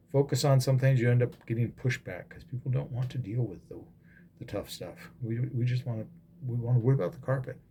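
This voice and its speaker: A man's voice: on the low side, a little mellow, a little hiss or hum. A man, a pastor, giving a casual devotional talk with frequent ums and restarts, recorded as a phone video.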